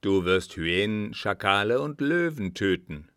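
A man voicing an excited young officer friend in an audiobook, loud and astonished. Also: deep voice, measured pace, no echo, clean studio sound. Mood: enthusiastic. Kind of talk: audiobook dialogue reading.

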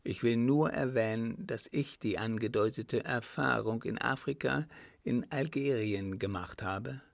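A man voicing a calm, composed servant and former soldier who answers with quiet mockery in an audiobook reading. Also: medium pitch, unhurried, gravelly, no room sound. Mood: cool mocking. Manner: calm, composed, faintly mocking. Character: cool-headed male ex-soldier servant, calm and mocking.

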